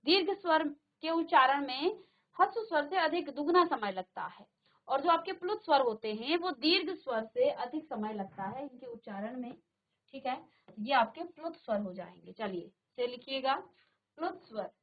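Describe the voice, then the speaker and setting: High-voiced woman teaching a Hindi class. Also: expressive, normal speed, muffled recording. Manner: patient, repeats questions and addresses students directly. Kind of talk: virtual classroom lesson. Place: studio classroom.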